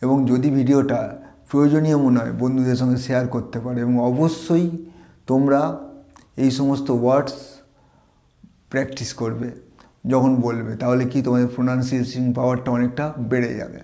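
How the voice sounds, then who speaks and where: A man teaching English pronunciation, repeating words slowly and carefully as he explains. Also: mid-range voice, fairly even intonation, mellow. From Bengal. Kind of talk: teaching lesson.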